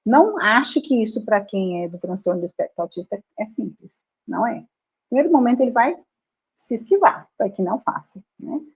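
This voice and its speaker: A woman's voice: mid-range voice, big pitch swings, a little fast, breathy edge, rough recording. A woman with a Brazilian accent, a speech therapist explaining her work in a live conversation, often adding tag questions.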